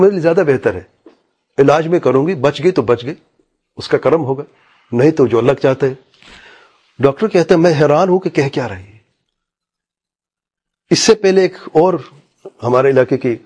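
Husky-voiced man telling sermon stories. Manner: retells anecdotes in quoted dialogue, drops to low, quiet asides; mixes English medical terms into his speech. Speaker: preacher. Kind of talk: sermon storytelling.

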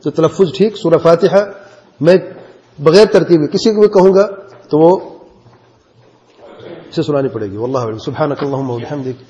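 Male class teacher, encouraging and explanatory, mellow and fairly high voice, dull recording with long hall reverb. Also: lively intonation, pauses often. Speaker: religious teacher.

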